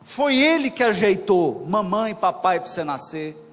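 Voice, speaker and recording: A man's voice: high voice, sing-song, moderate pace, fairly bright tone. A man giving a spiritist lecture to an audience, talking colloquially, repeating phrases for emphasis and putting questions to his listeners. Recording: reverberant lecture hall.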